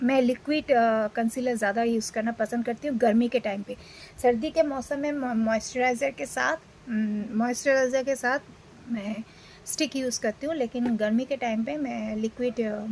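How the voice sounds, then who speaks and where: Slightly high-voiced woman in her forties. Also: slight background noise, rough recording. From India. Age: 40s. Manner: rambling, with many fillers and restarts. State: unwell. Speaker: vlogger. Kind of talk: casual talk to camera.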